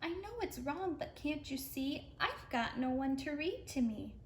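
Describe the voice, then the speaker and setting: A woman's voice: sits high, sing-song, unhurried, echoey room, a little hiss or hum, pitched above the performer's own voice. A woman voicing a small, ashamed male creature from a storybook, mournful and pleading in a little voice. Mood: tearful pleading.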